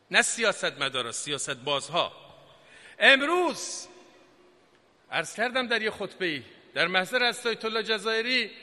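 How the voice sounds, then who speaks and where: A man preaching an impassioned political Friday sermon, rising to shouted declamation from the pulpit. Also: very high-pitched. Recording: long reverb of a large hall.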